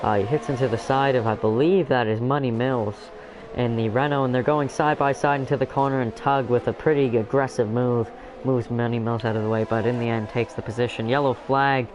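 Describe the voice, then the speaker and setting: A man's voice: medium pitch, fairly even intonation, fairly quick, background noise. Rambling young male sim-racing commentator. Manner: rambling, filler-heavy, self-correcting. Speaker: race commentator.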